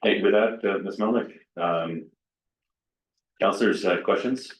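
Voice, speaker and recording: A man formally chairing a council meeting as deputy mayor, with a halting, hesitant delivery. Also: deep voice. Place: indoor council chamber. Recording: roomy, distant, dull meeting microphone.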